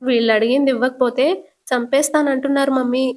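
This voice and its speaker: A woman's voice: high voice, fairly even intonation, a little fast, close to an everyday voice. A woman voicing a frightened young woman, tearful and pleading with her mother. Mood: scared, tearful.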